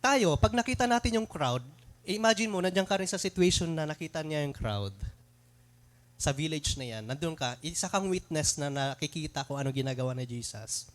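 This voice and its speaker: A man's voice: fairly high pitch, animated, brisk. A young man preaching a sermon in a conversational way, asking rhetorical questions, slipping English phrases in, and sometimes stumbling and restarting words. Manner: mixes English phrases into his talk.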